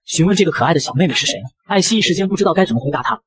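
A man narrating a manga recap in a brisk, breathless scripted delivery. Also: high voice, lively intonation, a crowd in the background.

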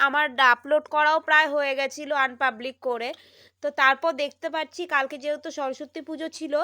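A young woman with a high, bright voice talks casually into a phone camera at home. She rambles, pausing on fillers and restarting her sentences as she chats to her viewers. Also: dry recording, studio quality. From India (Bengal). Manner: chatty, many fillers and restarts. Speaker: vlogger.

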